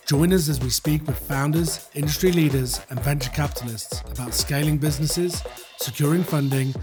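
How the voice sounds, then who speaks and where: A man hosting a startup podcast, reading a scripted intro and then asking questions with many restarts. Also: medium pitch. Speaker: podcast host. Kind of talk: podcast interview.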